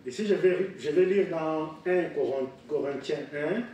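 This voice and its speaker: A man in his sixties preaching a sermon, halting with fillers and restarts. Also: fairly high pitch, warm tone, muffled recording, a little hiss or hum. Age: 60s. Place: church hall. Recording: echoey room, picked up from far off.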